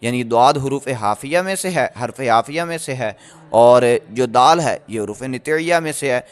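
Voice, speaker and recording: A man teaching tajweed in a recorded lecture, explaining slowly with many pauses and fillers and sounding out letters again and again. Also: on the high side, clear, resonant tone. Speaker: Quran recitation teacher.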